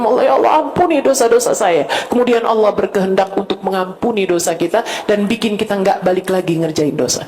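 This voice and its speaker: A woman's voice: mid-range voice, a little mellow. A middle-aged woman preacher giving a sermon to a women's gathering, casual and colloquial, mixing in Arabic quotations and rising into emotional, pleading prayers.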